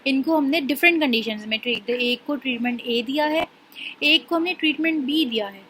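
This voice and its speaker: A young woman walks through an assignment solution, explaining quickly and reading English definitions out slowly. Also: sits high, bright, forceful tone, a little hiss or hum, low-quality recording. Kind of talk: casual tutorial walkthrough.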